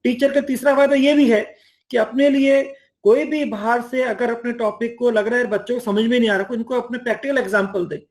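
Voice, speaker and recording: A man explaining an online teaching platform in a lively conversational way, often acting out teachers and students. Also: very high-pitched, fairly quick. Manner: enthusiastic, acts out teacher and student lines. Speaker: education platform mentor.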